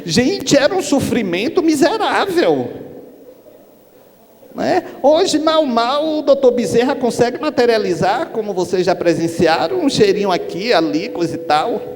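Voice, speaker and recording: A man giving an emphatic, animated spiritist lecture to an audience. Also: very high-pitched, unhurried. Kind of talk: inspirational lecture with anecdotes. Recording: long hall reverb, faint background noise.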